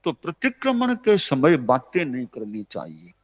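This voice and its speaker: A man's voice: medium pitch, wildly swooping pitch. Indian man preaching in a reverberant hall. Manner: conversational, repetitive, gently instructive; slow measured chanting of recited verses. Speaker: Jain spiritual teacher. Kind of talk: sermon. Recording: long reverb of a large hall.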